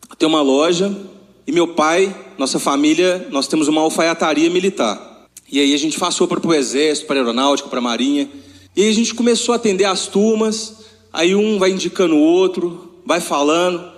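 A man's voice: fairly high pitch, brisk. A male pastor with a Brazilian Portuguese accent preaching a sermon at a church service. He tells stories in a colloquial, slangy way and acts out the dialogue. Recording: long church hall reverb.

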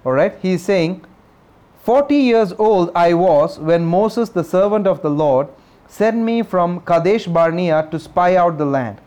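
A man's voice: high voice, measured pace, warm tone. A man preaching a sermon as a pastor, emphatic and repetitive, reading scripture aloud and asking the congregation questions. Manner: emphatic, repeats key phrases, reads scripture aloud.

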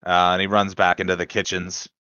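A man narrating as game master on a voice call, halting and hedging with many fillers, over slightly muffled audio. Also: low voice, monotone, pushed and bright, clear, resonant tone, no echo.

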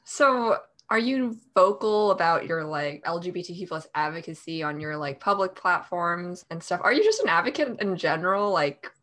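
A woman asks questions in a relaxed, conversational interview. Her voice sits on the low side, and she reacts warmly to what she hears. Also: moderate pace, hardly any pauses. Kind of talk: casual interview chat.

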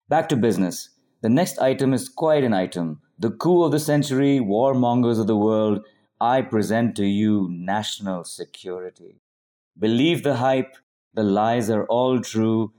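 Low dark-voiced man doing auctioneer patter. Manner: rhythmic rhyming auctioneer patter. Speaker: poet. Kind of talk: spoken word performance.

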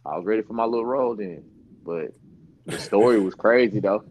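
A young man, a basketball trainer, telling a story in a relaxed and slangy way as a podcast guest. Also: lowish voice, a little fast. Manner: laid-back, slangy, laughs while telling stories. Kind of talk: casual storytelling interview. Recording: dull lo-fi sound.

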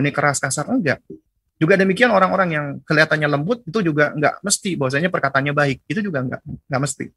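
Male Islamic teacher lecturing on parenting; measured delivery, fairly high pitch, tense and forceful voice. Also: slightly rough, dry recording. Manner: measured, tags phrases with frequent "ya".

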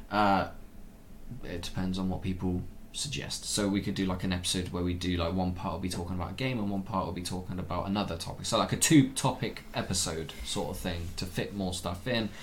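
A man's voice: deep voice, fast, a little hiss or hum. A man co-hosting a podcast in natural, unscripted casual chat, rambling and enthusiastic about films and games. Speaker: podcast co-host.

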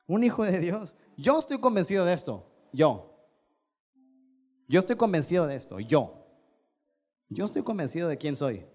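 High-voiced Mexican pastor preaching emphatically. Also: male voice, a little mellow. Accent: Mexican Spanish. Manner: emphatic, repetitive, rhetorical questions. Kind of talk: sermon. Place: standing before a congregation.

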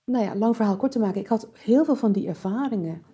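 A woman's voice: medium pitch, fast, dark tone. A woman, a birth photographer and former maternity nurse, telling a vivid story in a conversational interview, mixing in English terms.

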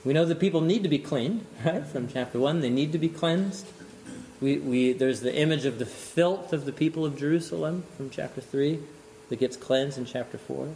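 Male Bible teacher, animated informal lecture, slightly high voice, chuckles between points, faint noise behind. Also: normal speed, creaky. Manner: thinks aloud with frequent restarts.

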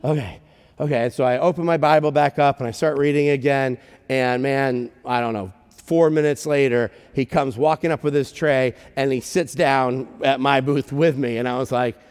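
Animated male pastor in a reverberant hall. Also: medium pitch, moderate pace, clean tone. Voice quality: animated, self-deprecating storyteller. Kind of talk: storytelling sermon. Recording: long reverb in a church hall.

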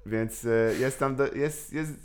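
A man in casual podcast chat, animated, swearing often and laughing a lot. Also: medium pitch, unhurried.

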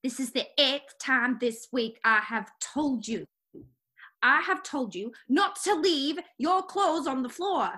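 A woman's voice: high-pitched, expressive, slow, sharp tone, slightly rough, exaggerated voice. A woman improvising a fed-up, scolding English wife in her mid-forties, with an English accent. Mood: indignant. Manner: scolding, sarcastic. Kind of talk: improvised comedy sketch.

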